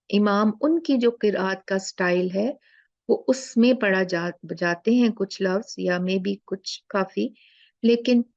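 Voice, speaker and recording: A woman teaching a Quran recitation lesson, drawing out the letter sounds slowly as she demonstrates them. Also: medium pitch, a little mellow, no echo. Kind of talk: explaining a lesson. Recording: dull lo-fi recording.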